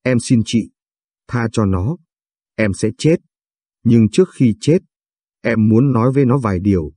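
A man's voice: mid-range voice, lively intonation, a little slow, dark tone, slightly rough, no echo, studio quality. A man reading the lines of a young mother begging a kidnapper to spare her son, in an imploring way. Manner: pleading, imploring.

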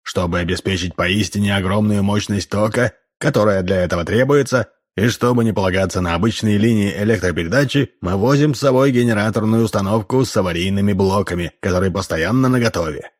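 A man's voice: lowish voice, fast talker, few pauses, lightly acted. A man voicing a showy fairground barker who declaims to the crowd. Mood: pitching. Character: loud male fairground barker.

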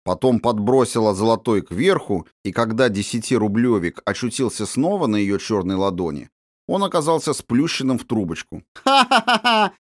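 A man with a fairly low voice narrates an audiobook at a moderate pace, telling the story expressively. The recording is studio quality with no room sound.

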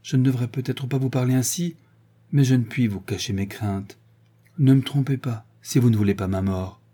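A man voicing a pale, romantic young woman who pleads softly in a read-aloud novel. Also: medium pitch, moderate pace, husky, close to an everyday voice. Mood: pleading.

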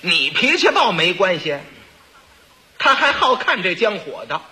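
A man telling a traditional story, with chatty, animated asides to the listeners. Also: high voice, a little slow.

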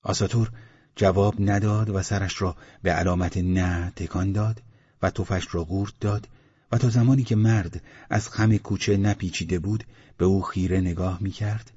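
Brief: male audiobook narrator, very deep and husky, measured reading, muffled sound. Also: fairly even intonation, warm tone. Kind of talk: scripted narration. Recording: slightly muffled recording.

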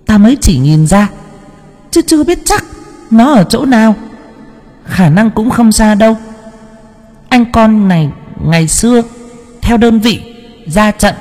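A husky, high voice scolds and commands: a man acting out a possessed spirit medium in an audiobook. The medium is stern and mocking. The pitch swings widely and rings with long reverb. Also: lively intonation, measured pace, pauses often, a little mellow, soft background music. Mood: stern scolding. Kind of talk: audiobook character voice.

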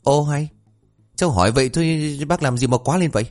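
A man's voice: fairly high pitch, brisk, pitched above the performer's own voice, close to an everyday voice. A man doing a whiny young villager. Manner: raised, whiny and excitable. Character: cheeky young male villager, talkative.

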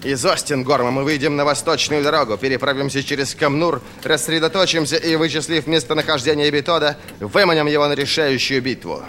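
A man's voice: on the high side, fairly even intonation, a little fast, few pauses, pushed and bright, a little hiss or hum, pitched above the performer's own voice. A man voicing a stern, curt older army commander in an audiobook, speaking bluntly and with authority. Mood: commanding.

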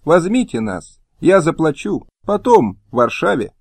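A man's voice: on the high side, sing-song, unhurried, husky, no room sound, pitched above the performer's own voice, exaggerated voice. Man voicing elderly nobleman, scornful, quarrelsome, snappish, dry sound. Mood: irritable.

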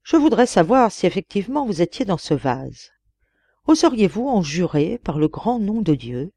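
A woman's voice: medium pitch, sing-song, moderate pace, warm tone, husky, no room sound. A woman reading the part of a wary fisherman who scorns and outwits a genie. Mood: doubting. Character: wary, defiant old fisherman.

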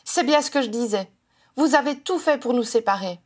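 A woman's voice: fairly high pitch, animated, normal speed, voice pushed up. A woman reader voicing a strident, resentful young wife who accuses everyone around her. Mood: bitter, shrill. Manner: accusing, bitter, defensive.

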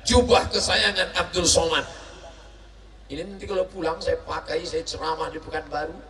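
A man preaching a sermon at a large gathering, animated and theatrical, shouting at climaxes and acting out voices. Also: fairly high pitch, moderate pace. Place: large outdoor religious gathering. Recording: echoey, distant, noisy crowd ambience.

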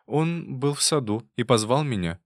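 A man reading an audiobook, voicing a quiet, earnest young woman who speaks softly. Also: mid-range voice, animated, normal speed, dry recording, studio quality, pitched above the performer's own voice, lightly acted. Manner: soft, quiet.

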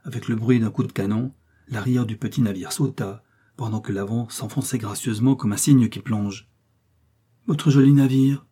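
A man narrating a classic novel as an audiobook, reading in a measured, steady storytelling manner. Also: on the low side, breathy edge.

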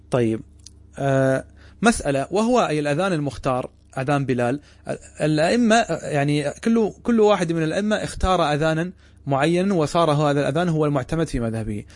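Fast-talking male religious teacher. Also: mid-range voice, a little mellow, dry recording. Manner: quizzes listeners with quick questions and answers them himself. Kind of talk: classroom lecture.

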